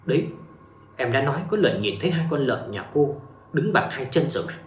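A man's voice: medium pitch, big pitch swings, brisk, echoey room, close to an everyday voice. A man voicing a worried village aunt who complains she warned them. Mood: resigned.

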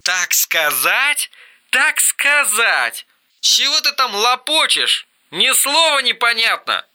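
A man voicing an unhinged, volatile young man with a hoarse, strangled voice, ranting down a phone line. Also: medium pitch, very animated, measured pace, bright, forceful tone, full character voice. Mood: furious. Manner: erratic, swings from muttering to screaming.

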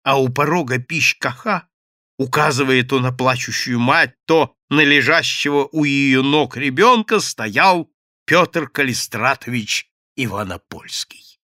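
A man reading a classic satirical story aloud as an audiobook narrator, in an animated, theatrical way. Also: medium pitch, measured pace, no room sound, studio quality.

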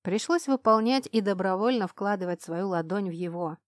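A woman reading a first-person fantasy story aloud, shifting her pitch and loudness to voice the characters. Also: normal speed, dry recording, clean studio sound. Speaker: audiobook narrator. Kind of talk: first-person audiobook narration.

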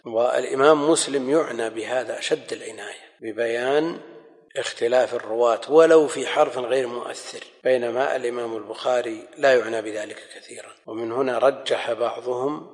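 Man lecturing in a reverberant hall. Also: mid-range voice. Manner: measured explanatory tone, repeats key phrases. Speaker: scholar teaching hadith. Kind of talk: recorded lecture commentary.

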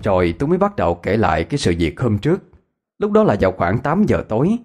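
A man narrates a ghost story. His delivery is dramatic, and his pitch moves around a lot. Faint music plays beneath him. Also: very animated, fast, a little mellow.

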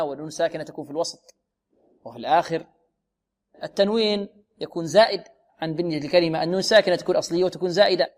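A man teaching Quran recitation in a radio lesson, asking questions and answering them himself while slowly repeating words to model their pronunciation. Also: high-pitched, darkish tone.

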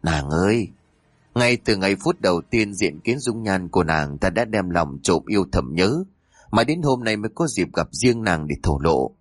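A man voicing a lecherous, scheming male official with a low, smug, leering drawl in a spoken story. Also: big pitch swings, moderate pace, breathy edge, dry recording.

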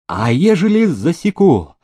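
A man reading an audiobook, voicing an older tyrannical master with a slow, threatening delivery. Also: on the low side, big pitch swings, creaky, warm tone, husky, no echo, studio quality, exaggerated voice. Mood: menacing.

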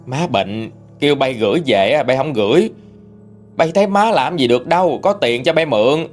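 A man's voice: medium pitch, animated, normal speed, soft background music, close to an everyday voice. A man with a Southern Vietnamese accent voicing a weary, bitter older rural mother who reproaches her child. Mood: reproachful.

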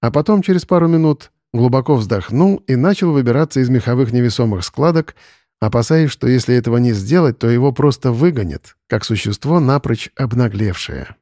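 A man reading a story aloud as narrator, calm and measured. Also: medium pitch, dry recording, studio quality. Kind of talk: audiobook narration.

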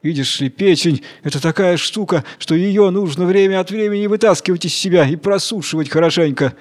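A man voicing a clever, sly female monkey from a fairy tale, speaking higher and mocking. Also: brisk, lightly acted. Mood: feigned helpful. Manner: taunting, higher-pitched.

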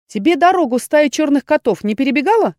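Lady reading as a dramatic young necromancer girl, higher voice, whining and lamenting, dry sound. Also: animated, fast talker, darkish tone, no echo. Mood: teasing. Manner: exasperated, theatrical lamenting. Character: young female necromancer student, dramatic and complaining. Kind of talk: audiobook character voice.

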